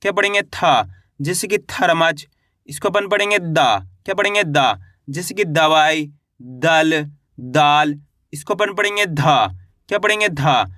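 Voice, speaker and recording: Male teacher, high and bright, dry close sound; quizzes himself, then stretches each syllable for beginners. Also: no echo. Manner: asks and answers his own questions; drawn-out syllable sounds for pronunciation. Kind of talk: beginner alphabet lesson.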